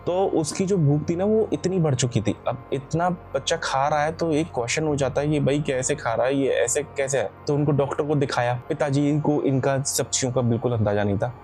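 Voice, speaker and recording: A man's voice: medium pitch, moderate pace, hardly any pauses, a little mellow, soft background music. A man casually telling a horror story, rambling and correcting himself with frequent filler asides. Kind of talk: casual spoken horror narration.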